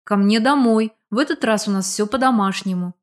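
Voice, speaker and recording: A woman with a medium-pitched, natural voice reads a little fast as she voices a young man in an audiobook. The character is cheerful and confident, teasing an old friend with playful, joking bossiness.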